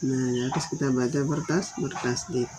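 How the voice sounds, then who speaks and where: A man teaching Quran recitation, explaining patiently and repeating his points, then chanting verses slowly and drawn out. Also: mid-range voice, fairly even intonation, background noise. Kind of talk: slow explanatory recitation lesson.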